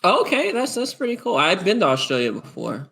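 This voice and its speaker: A man co-hosting a podcast, eager and quick to laugh, with faint background noise. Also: high voice, huge pitch swings, gravelly, fairly bright tone. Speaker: podcast co-host. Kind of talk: casual interview chat.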